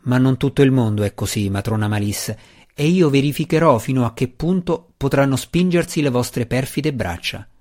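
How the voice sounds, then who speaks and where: A young dark elf with quiet resolve, played by a man reading an audiobook. He speaks evenly and unhurriedly, firm in every word, and stays composed even under pressure. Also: mid-range voice, natural voice. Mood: defiant. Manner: calm, measured, resolute.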